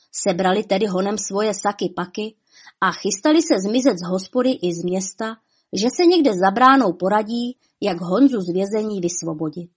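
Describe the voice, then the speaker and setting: Woman, fairy-tale narration, calm even delivery, breathy voice. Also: mid-range voice. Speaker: storyteller.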